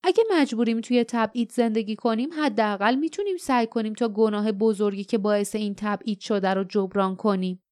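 A woman voicing a gentle, dignified older male village leader in an audiobook, speaking softly and earnestly. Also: medium pitch, few pauses, clean tone, dry recording, studio quality, natural voice.

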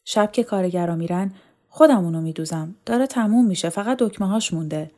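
A woman voicing a humble male tailor who is gentle, hospitable and proud of his work, in an audiobook novel. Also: medium pitch, close to an everyday voice.

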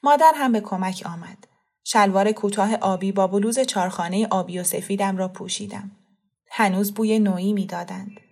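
A female audiobook narrator reads a literary novel. Her delivery is calm, steady and measured, with middle pitch and plain storytelling. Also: gravelly.

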